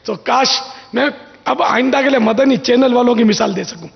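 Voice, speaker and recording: Male preacher, high voice with heavy fry, chatty storytelling delivery, reverberant lo-fi sound. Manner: anecdotal, conversational, acts out quoted lines. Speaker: religious scholar giving advice. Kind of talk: informal religious talk. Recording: dull lo-fi sound with long reverb.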